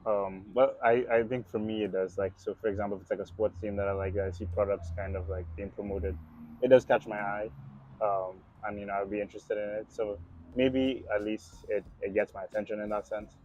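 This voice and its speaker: A man's voice: on the low side, fairly even intonation, a little fast, darkish tone. A young man answering hesitantly with many fillers, on a dull, distant recording. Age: young adult. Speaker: interviewee.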